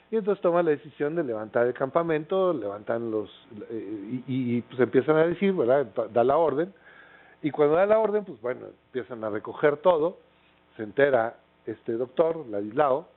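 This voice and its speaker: A middle-aged Mexican man with a Mexican accent giving a lecture as a casual storyteller, with lots of fillers and tag questions. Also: medium pitch. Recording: tinny phone-like lecture recording.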